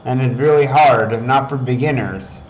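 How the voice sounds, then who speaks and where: A man's voice: mid-range voice, moderate pace, muffled recording. A man streaming a game, chatting casually and sounding tired from the late hour. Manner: relaxed, chatty, questioning. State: tired, yawning. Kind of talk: casual gaming chat.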